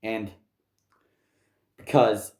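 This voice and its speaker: Male commentary ranter, slow, profane, halting. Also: fairly low pitch, fairly even intonation, darkish tone, echoey room. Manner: angry, profane, halting with restarts. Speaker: commentary youtuber. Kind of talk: ranting commentary.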